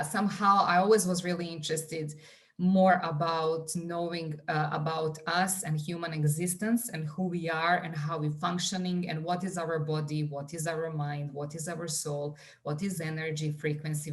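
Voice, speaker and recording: Her voice sits low, with a level tone and normal pace. She's a Serbian-accented wellness coach in her forties, speaking sincerely in a conversational podcast interview and often using fillers and starting over.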